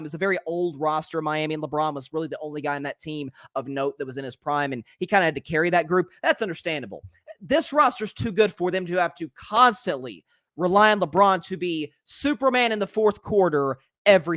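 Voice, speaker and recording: In a clean studio recording without echo, a young man with a high, fairly bright voice hosts a solo sports talk show. He speaks rapidly and animatedly, echoing his own words as he develops an argument and reading viewer comments out loud.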